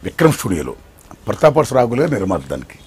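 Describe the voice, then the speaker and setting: An older man as an interview guest, telling his life story in an animated way, swinging between loud excitement and hushed tones. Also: lowish voice, fast talker, breathy edge.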